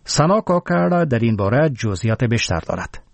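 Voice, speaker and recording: A man's voice: mid-range voice, very animated, vocal fry, dry recording. Formal male radio news anchor. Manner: measured, formal delivery. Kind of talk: scripted news reading. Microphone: dry studio mic.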